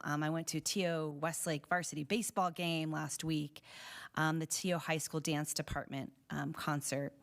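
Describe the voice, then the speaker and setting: A woman school board trustee giving comments at a board meeting, thanking people and pausing often on ums. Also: low voice. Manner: warm thank-yous with many ums.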